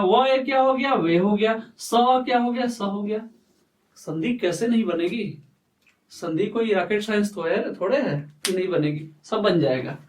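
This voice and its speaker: A man teaching a lesson, speaking slowly and repeating himself, often asking questions and answering them himself. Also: high voice. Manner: slow, repetitive, quizzing himself aloud. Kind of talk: explaining a lesson at a board. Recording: echoey room, voice far from mic.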